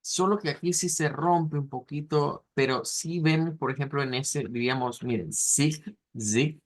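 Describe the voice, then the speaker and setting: Slow, careful male pronunciation teacher. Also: fairly high pitch. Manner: repeats words slowly, splitting them into syllables. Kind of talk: class explanation.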